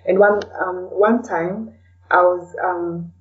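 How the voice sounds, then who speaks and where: Speaking slowly in a low, steady voice, a middle-aged woman with a Kenyan accent appears as a podcast guest; she is herself a blogger and podcaster. Her reflective, hesitant answers are sprinkled with "you know," and the audio is dull and lo-fi from a distant mic.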